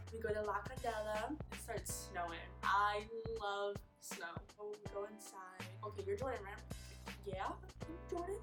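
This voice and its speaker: A teenage girl retelling her surprise party in an animated, giggly storytime vlog. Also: mid-range voice. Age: teens. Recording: echoey room with music behind.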